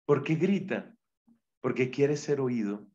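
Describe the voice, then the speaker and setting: A man teaching a Bible exegesis lesson as a friar, deliberate and repetitive, reading Greek terms aloud. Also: medium pitch, animated, mellow, dull audio. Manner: deliberate, repeats key phrases, reads Greek terms aloud.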